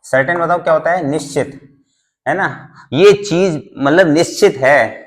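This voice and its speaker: A man's voice: fairly high pitch, measured pace. Guy teaching english words in hindi, spells stuff out letter by letter, repeats a lot, asks the class questions. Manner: repetitive, spells words out letter by letter, quizzes students. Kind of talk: Hindi-language classroom lesson.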